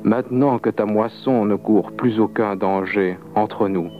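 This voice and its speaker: A man voicing a sly male devil who sulks and grumbles in a slow, drawn-out, sighing way. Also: on the low side, fairly even intonation, soft background music, lightly acted. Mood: rueful. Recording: muffled lo-fi radio recording.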